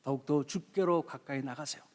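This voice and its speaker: A man's voice: a little high, fairly quick, long reverb tail. A man in his sixties, a pastor giving a sermon, telling stories earnestly and asking the congregation rhetorical questions. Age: 60s. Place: church sanctuary.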